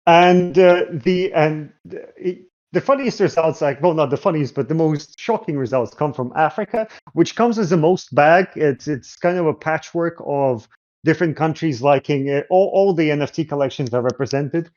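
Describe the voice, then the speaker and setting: A man's voice: fairly high pitch, moderate pace, darkish tone, muffled recording. A man in a casual discussion, explaining findings with frequent hesitations. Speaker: guest analyst.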